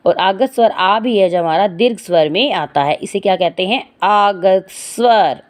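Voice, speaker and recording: A woman's voice: medium pitch, unhurried. A woman teaching a Hindi grammar lesson, posing questions and answering them herself, and drawing out vowel sounds to demonstrate. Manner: explanatory, asks and answers her own questions.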